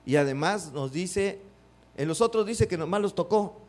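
Middle-aged pastor, fairly high voice, preaching lively in church. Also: male voice, moderate pace. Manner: animated preaching, acts out quotes, rhetorical questions to congregation. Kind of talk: sermon.

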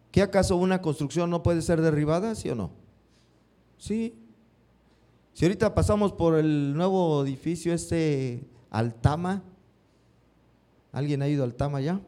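A man's voice: a little high, unhurried, pauses often. Man preaching, question after question. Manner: asks the congregation questions, lively rising emphasis. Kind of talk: sermon.

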